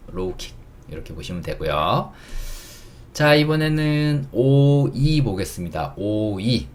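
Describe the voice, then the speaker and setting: A man teaching English phonics, sounding out letters slowly and explaining words with everyday examples. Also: lowish voice, slight background noise. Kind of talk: phonics lesson.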